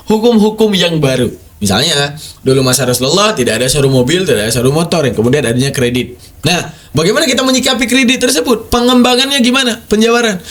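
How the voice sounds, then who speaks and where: Animated, emphatic man commentator. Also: sits high. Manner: animated, emphatic, repeats words, mocking. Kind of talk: religious lecture commentary on a video.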